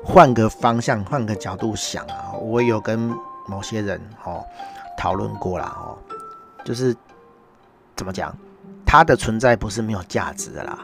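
A man's voice: on the low side, normal speed, vocal fry, over music. A middle-aged man with a Taiwanese Mandarin accent, hosting a casual monologue and ranting with sarcastic, mocking asides. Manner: sarcastic, mocking rant with constant tag particles. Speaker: podcast host.

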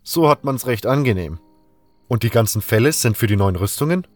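A man voicing a calm, friendly young male hunter and armor maker who talks in an easygoing, matter-of-fact way. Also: mid-range voice, brisk, soft background music, close to an everyday voice.

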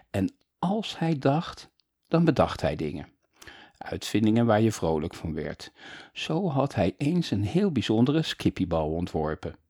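A man reading a children's storybook aloud in an expressive way, moving between lively and hushed tones, close to the mic. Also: on the low side, husky, dry recording. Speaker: audiobook narrator.

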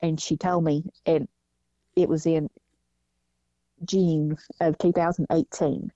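Low, mellow woman telling a story. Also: little pitch movement, slow, dry recording. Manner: storytelling, acts out quoted voices. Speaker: guest, mother. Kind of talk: casual interview talk. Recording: dull lo-fi sound.

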